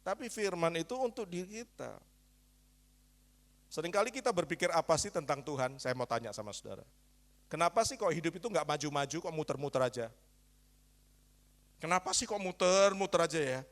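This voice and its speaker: A male pastor with a high voice preaches to his congregation. He keeps asking them questions, coaxing and teasing as he goes. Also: lively intonation, a little fast, pauses often, a bit bright. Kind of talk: sermon.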